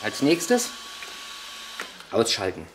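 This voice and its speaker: A man's voice: fairly low pitch, wildly swooping pitch, drawn-out words, noisy background. A man giving a hands-on tutorial on a model truck, explaining each step while he handles the parts, with frequent hesitations. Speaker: RC model reviewer.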